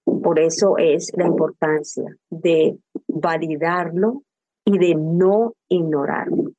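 A woman's voice: low voice, steady tone, slow, mellow, dull audio. An older woman speaking as a grief counselor in an interview, earnest and personal, often asking rhetorical questions. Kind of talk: reflective interview talk.

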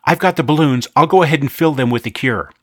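A man's voice: fairly high pitch, fast talker, fairly bright tone, no room sound, studio quality, pitched above the performer's own voice. A man voicing a worried, insistent young girl in a storybook reading. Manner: anxious, insistent. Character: worried, bossy girl, a kid.

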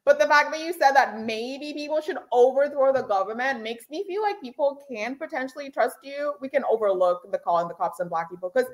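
A woman with a higher, very animated voice hosts a casual comedy podcast. She jokes, wanders into tangents and laughs often as she talks with her guest. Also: brisk, hardly any pauses. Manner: joking, tangents, frequent laughs. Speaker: podcast host.

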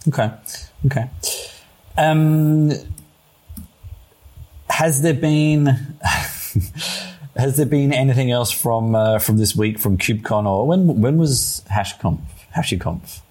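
A man interviewing a guest, asking halting questions with restarts and frequent laughs. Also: medium pitch, darkish tone. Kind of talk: conversational interview.

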